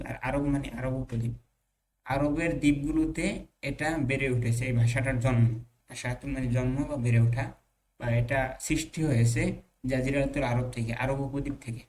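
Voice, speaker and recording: Man teaching Arabic in a slow, hesitant lecture. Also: medium pitch, low-quality recording. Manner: reads Arabic slowly, then explains with hesitant fillers and asides to students. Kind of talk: online class lecture, explaining Arabic text in Bengali.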